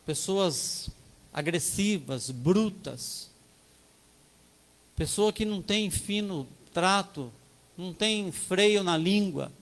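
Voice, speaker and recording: A man's voice: sits high, lively intonation, takes it slowly, fairly bright tone, low-quality recording. A man with a Brazilian Portuguese accent preaching a sermon at a church service, telling a story and speaking to the congregation as brothers.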